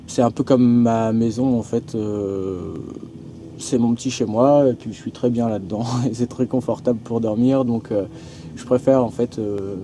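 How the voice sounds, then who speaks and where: A young man from France talks through a casual vlog while showing a house and its garden. He hesitates a lot and restarts his sentences, in a mellow, darkish voice at an ordinary pitch. A faint hiss sits under the recording. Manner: hesitant, many fillers and restarts. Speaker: travel vlogger. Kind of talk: casual vlog narration, giving a house tour.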